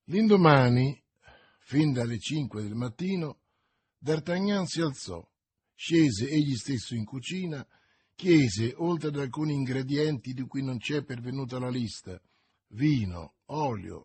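A man narrating a novel as an audiobook, measured and expressive, with a husky voice. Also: medium pitch, no room sound.

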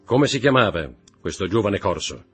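A man's voice: on the low side, expressive, moderate pace, husky. A man voicing a stern, commanding nobleman posing as a priest, accusing and giving orders.

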